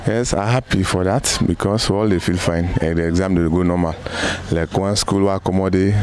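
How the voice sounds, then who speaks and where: A man's voice: sits low, steady tone, fairly quick. A man with a Sierra Leonean Krio accent, speaking plainly and easygoingly outdoors in a street interview. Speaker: interviewed community member. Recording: outdoor recording with crowd noise.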